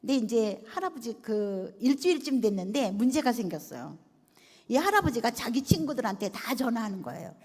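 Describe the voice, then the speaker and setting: Woman telling a lively testimony in a hall. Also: a little high, brisk. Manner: animated storytelling, acting out quoted dialogue. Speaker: pastor's wife giving a testimony. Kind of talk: testimony storytelling to a congregation. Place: large hall at a retreat resort. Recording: reverberant hall sound.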